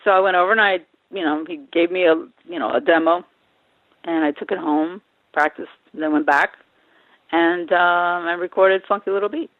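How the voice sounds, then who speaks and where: A woman's voice: fairly low pitch, steady tone, moderate pace, no room sound. A woman guest singer telling stories in a casual interview, laughing often and acting out the voices of people she quotes. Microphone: phone line. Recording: tinny phone line.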